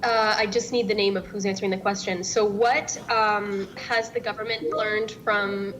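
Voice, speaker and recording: A woman's voice: level tone, moderate pace, fairly bright tone. A woman asking questions remotely as a news reporter at a press briefing, polite and a little hesitant. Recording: muffled remote call line, noisy, rumbling.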